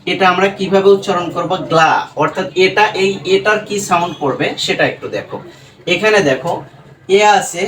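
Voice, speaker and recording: A man teaching English pronunciation, patiently breaking words apart slowly and asking his students questions. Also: on the high side, fairly bright tone, a little hiss or hum. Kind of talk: classroom lesson explaining English pronunciation. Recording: echoey room, voice from far off.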